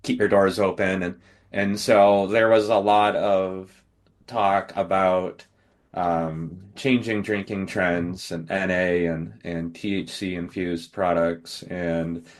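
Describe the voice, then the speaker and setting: A man speaking haltingly as a guest in a casual podcast discussion. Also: deep voice, level tone.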